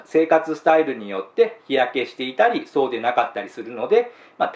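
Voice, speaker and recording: A man hosting a channel, narrating a scripted explainer in a polite, measured way and moving on to each new point with a brisk "okay, next.". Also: on the high side. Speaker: channel host explaining cultural differences. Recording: roomy, dull lo-fi recording.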